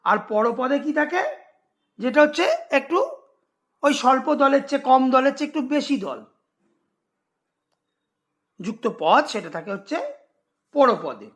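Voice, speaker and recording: A man's voice: very high voice, very animated, a little slow, long pauses, fairly bright tone. A man teaching a grammar lesson to school students, explaining patiently, repeating examples and checking if they follow.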